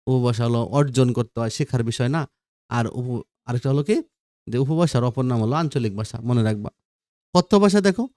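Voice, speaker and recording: In this recorded video lesson, a man with a mid-range, dark-toned voice covers school grammar, going over key points more than once. He asks the class questions and supplies the answers himself, and the studio-quality audio has no echo.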